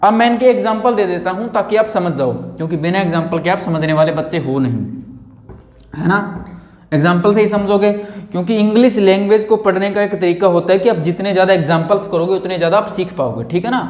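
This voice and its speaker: A man's voice: high-pitched, brisk, darkish tone. A man teaching an English lesson in Hindi, chatty and playful, who keeps repeating points and quizzing his students. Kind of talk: informal online lesson. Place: home room recording himself on camera. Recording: echoey room.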